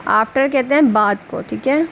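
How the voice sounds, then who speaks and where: Slow patient woman teaching with an Urdu accent. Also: high voice, highs cut off, slight background noise. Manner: slow, patient, spells words out letter by letter. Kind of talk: basic English lesson for beginners.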